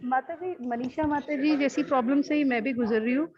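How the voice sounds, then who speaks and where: A woman and mother earnestly describing her trouble in a devotional session, speaking quietly. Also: high-pitched, brisk, lo-fi sound, a crowd in the background. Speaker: participant asking a question, mother.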